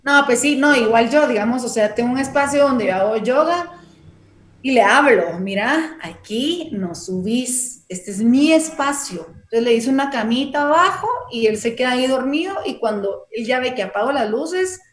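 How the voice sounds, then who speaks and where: A woman's voice: high-pitched, moderate pace. Chatty woman, echoey room. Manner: chatty, animated, acts out scenes. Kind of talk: casual chat about her dog.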